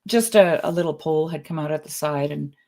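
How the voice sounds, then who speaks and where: A woman's voice: low voice, brisk, a little mellow. Chatty woman telling stories. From Canada. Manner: chatty storyteller with frequent restarts and laughs. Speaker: podcast co-host. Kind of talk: casual chat.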